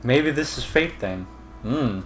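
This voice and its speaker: A man chatting on a game stream with a jokey, playfully argumentative manner. His voice sits at a middle pitch but swings widely as he talks. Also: lively intonation, slow, faint music behind. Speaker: video game stream co-host. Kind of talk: casual gaming stream banter.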